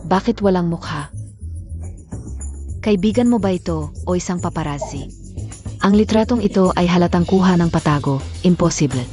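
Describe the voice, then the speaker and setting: An actress dubbing a spiteful young office coworker who accuses and sneers. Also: female voice, fairly low pitch, normal speed, long pauses, a little mellow, soft background music, natural voice. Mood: accusing. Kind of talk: dubbed drama acting.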